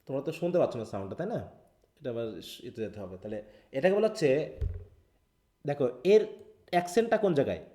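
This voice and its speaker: A man's voice: fairly high pitch, big pitch swings, fast, long pauses, dark tone. Bangladeshi man teaching linguistics, echoey room. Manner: explains step by step, mixing English terms, asks students questions. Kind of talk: live online class lecture.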